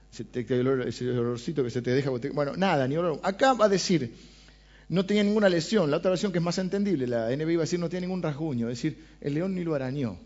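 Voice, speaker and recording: A man's voice: mid-range voice, a little mellow, highs cut off. A man with an Argentine accent preaching a conversational sermon on a Bible passage, casual and chatty, often asking his listeners questions. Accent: Argentine Spanish.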